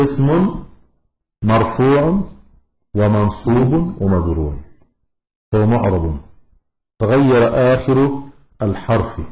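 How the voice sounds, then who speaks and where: A man teaching a grammar lesson, slow and deliberate, repeating each example word. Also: lowish voice, a little mellow. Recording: echoey room.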